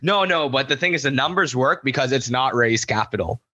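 A young man with a mid-range voice talks briskly while co-hosting a real estate podcast, rambling in a relaxed way with fillers and swearing. He's close on a new studio mic, with no room sound and the highs cut off.

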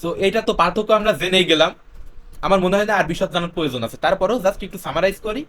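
High-voiced man teaching grammar. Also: a bit bright. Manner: mixes English words into explanations; repeats example sentences slowly. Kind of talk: explaining lesson.

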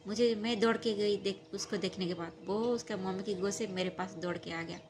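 A woman telling a true story from her own life, halting and searching for words, with a wistful tone. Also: mid-range voice, fairly even intonation, noisy background. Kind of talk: emotional personal storytelling.

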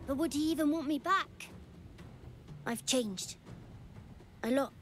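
A woman's voice: high voice, slow pace, faint music behind. A woman voicing a lonely, defiant shadow child in a video game, speaking in a petulant, childish way. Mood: hurt.

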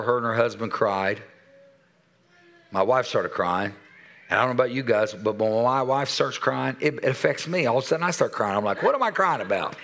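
Man in his sixties, pastor, sermon in church, headset mic, lowish voice, animated storytelling. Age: 60s. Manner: animated storytelling, acting out quoted dialogue with pitch jumps; drops to a soft, low voice for serious points. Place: church sanctuary.

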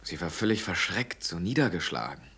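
An earnest young adult son in a dubbed family drama. He speaks with urgency, and his pitch moves a lot. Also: big pitch swings, fairly quick, bright, forceful tone, husky, heavily acted. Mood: worried. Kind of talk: TV drama dub.

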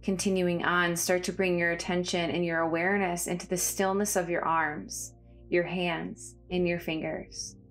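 Guiding a body scan meditation, a woman speaks in a slightly low voice. Her calm, soothing delivery comes in measured phrases with pauses between them, while faint background music plays.

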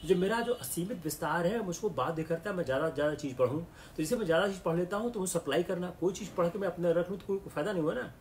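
A middle-aged man with an Indian accent, lecturing a class of exam candidates and switching into slow, careful English. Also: high-pitched, slight background noise. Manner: mixes English into the talk, slow and deliberate in English. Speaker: civil services exam lecturer.

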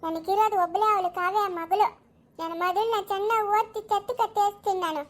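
A woman playing a defiant young village mother who scolds her rival in sharp retorts, in a homemade family drama. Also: very high voice, fairly even intonation, brisk.

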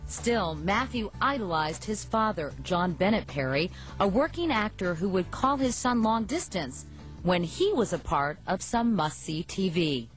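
A woman's voice: medium pitch, very animated, unhurried. A woman narrating a scripted entertainment news feature in a polished, wry tone. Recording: music bed under voice.

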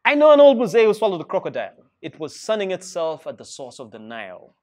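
With a high-pitched, slightly mellow voice that swings hugely in pitch, a middle-aged man with a Ugandan accent reads a rhyming picture book at a quick pace. He plays to the seated children in a school reading room, keeping his tone playful and encouraging.

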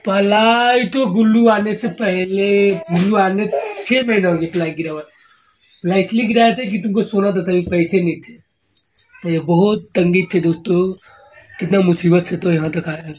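A man's voice: sits high, fairly even intonation, moderate pace, a little mellow, a little hiss or hum. A man chatting casually to his viewers in a home vlog, recorded on a handheld phone at home. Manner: chatty, keeps addressing viewers as friends. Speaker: family vlogger.

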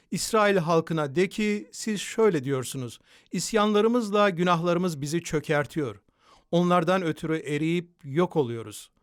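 A male host with a fairly high voice reads scripture aloud in a study discussion and prompts his guest to comment. The recording is dry and close, with no room sound. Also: no room sound.

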